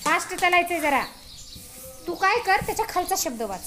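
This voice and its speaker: A woman teacher running a reading game with young pupils, giving brisk directions and frequent praise. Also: extremely high pitch, very animated. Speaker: primary school teacher. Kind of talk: classroom reading game instruction. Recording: noisy outdoor recording.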